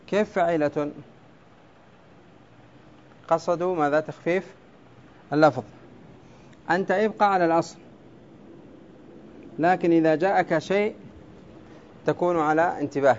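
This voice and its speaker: A man's voice: fairly high pitch, moderate pace, long pauses, slight background noise. Man teaching a class, dull recording. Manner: explains step by step, quizzes students with questions. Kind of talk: classroom lecture on Arabic prosody.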